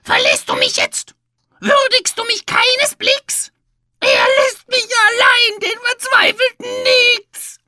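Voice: extremely high pitch, wildly swooping pitch, moderate pace, vocal fry, hardly any pauses, pitched above the performer's own voice, exaggerated voice. A reader voicing an invisible, whiny, ever-hungry little water sprite who shrieks and wails dramatically in a storybook reading. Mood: wailing.

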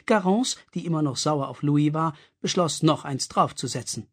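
An audiobook reader narrating a story expressively with a husky voice. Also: mid-range voice, lively intonation, moderate pace. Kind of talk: scripted narration.

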